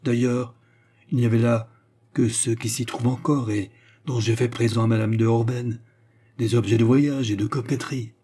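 A man voicing a proud, blustering German officer in a storybook reading, his voice husky and mellow. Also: mid-range voice, fairly even intonation, moderate pace, natural voice. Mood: defensive bluster. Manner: blustering and defensive.

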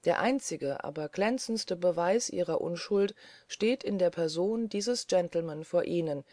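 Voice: medium pitch, unhurried, a little mellow, no echo, close to an everyday voice. A reader voicing a confident male lawyer in a courtroom, speaking in an assured, polished way.

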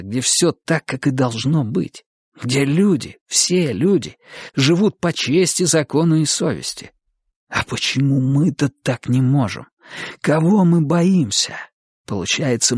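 A man reading an audiobook, voicing a stubborn young male police sergeant who talks in a heated, halting way. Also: medium pitch, dry recording, clean studio sound, lightly acted.

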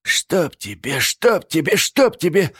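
A man reading an audiobook voices a fussy elderly aunt with a fierce temper, shrill and scolding. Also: normal speed, a little mellow, dry recording, studio quality, natural voice. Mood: furious.

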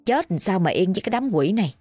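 A woman voicing the angry ghost of an old grandfather speaking through his wife's body, booming and scolding, for a storytelling recording. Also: sing-song, quick pace, mellow, no echo, soft background music. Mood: bitter.

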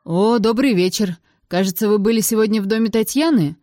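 A woman reading an audiobook, voicing a smooth-talking middle-aged male casino owner who is genial and flattering. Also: medium pitch, brisk, no echo, clean studio sound, voice pushed up, lightly acted.

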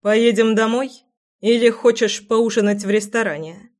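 A woman voicing a playful young husband in an audiobook, speaking softly and intimately, with no real change from her own voice. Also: a little high, fairly even intonation, moderate pace, lightly acted. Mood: tender, playful. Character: teasing, tender young husband in love.

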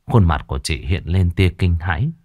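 A man narrating a ghost story in a dramatic, expressive way. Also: sits low, moderate pace.

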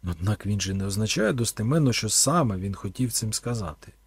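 An eager, inquisitive man who keeps asking and exclaiming, as a male narrator voices him. The tone is husky and gravelly, with lively pitch. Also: fairly quick, dry recording. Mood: questioning.

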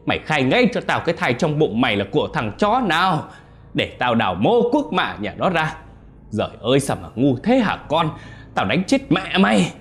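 A man voicing an enraged old village father who shouts and scolds. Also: huge pitch swings, moderate pace, exaggerated voice. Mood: furious. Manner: roaring, scolding, high and strained.

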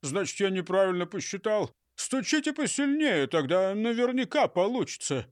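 A man's voice: sits high, very animated, normal speed, no echo, clean studio sound, voice pushed up. A man reading an audiobook, voicing a clumsy, whiny male robber who complains plaintively. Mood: sheepish. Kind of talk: audiobook character voice.

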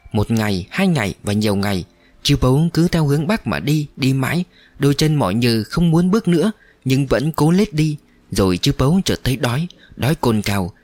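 A man narrating an audiobook story in an expressive, dramatic reading. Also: mid-range voice, no room sound.

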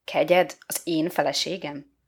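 A bashful, stammering young Adam, as a woman reads him in a storybook tale. His voice sits a little low and sounds flustered and sheepish, fumbling for words when he is caught out. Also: steady tone, husky. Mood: puzzled.

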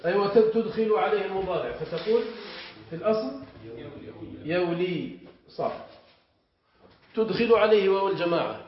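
A man's voice: high-pitched, normal speed, long pauses. A man teaching Arabic grammar in a classroom lesson, explaining step by step and often asking his students whether they follow. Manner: explanatory, checks understanding with repeated questions. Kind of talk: classroom lesson on verb morphology. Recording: echoey, dull lo-fi classroom recording with faint hiss.

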